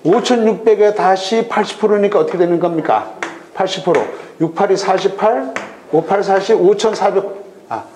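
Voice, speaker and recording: A middle-aged man giving a recorded lecture on real estate auctions, lively and full of rhetorical questions. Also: high-pitched, normal speed, a little hiss or hum. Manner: lively, rhetorical questions, acts out regional voices.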